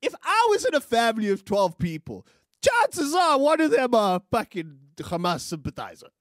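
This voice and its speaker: A lively, high-voiced South African man co-hosts a podcast, giving opinionated news commentary at normal speed. He's animated and profane, gesturing with his hands, speaking into a boom-mounted studio mic with headphones on. The small studio room yields a clean sound with no room sound.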